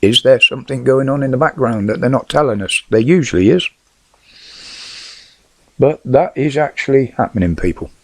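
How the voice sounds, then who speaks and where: A man's voice: mid-range voice, lively intonation, normal speed, pauses often, darkish tone, slightly rough. A middle-aged British man with a whistle on his s sounds from false teeth, giving blunt, sweary, casual opinions on the news. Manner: blunt, sweary, rhetorical questions.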